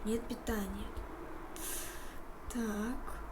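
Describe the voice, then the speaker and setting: A woman's voice: medium pitch, fairly even intonation, extremely slow. A woman hosting a gaming video, giving casual commentary and muttering as she thinks aloud. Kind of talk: casual horror game commentary. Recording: clearly noisy recording with game ambience.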